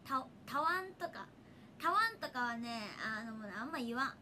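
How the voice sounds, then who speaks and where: Young woman streamer, Hiroshima accent, high-pitched and giggly; casual chat with viewers, phone mic close up. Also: lively intonation, moderate pace, bright, forceful tone, a little hiss or hum. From Hiroshima, Japan. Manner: giggly, chatty, laughs often. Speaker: idol livestreamer. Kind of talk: casual livestream chat reading viewer comments.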